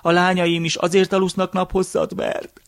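A man's voice: high voice, completely flat delivery, voice pushed up. A man doing a worn-out grey old man. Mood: weary. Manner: weary, faltering.

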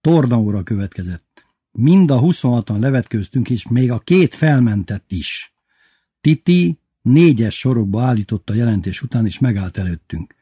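Casting: male storyteller, animated melody, husky, dry close sound. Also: medium pitch, no echo. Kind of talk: first-person story reading.

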